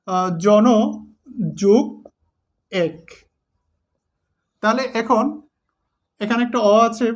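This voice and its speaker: A teacher from Bangladesh explaining a grammar lesson at a board, patient and step by step, repeating each example. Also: medium pitch.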